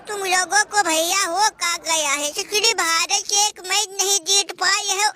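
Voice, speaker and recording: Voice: very high voice, heavy background noise. A cartoon comedy voice, wailing and scolding in a melodramatic mock lament.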